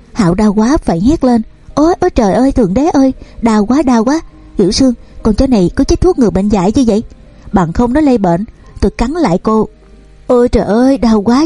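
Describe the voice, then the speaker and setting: A woman narrating a romance novel and reading every character's lines in her own voice, over soft background music. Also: a little high, slightly rough, no room sound. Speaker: audiobook narrator. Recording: dry close recording with soft music underneath.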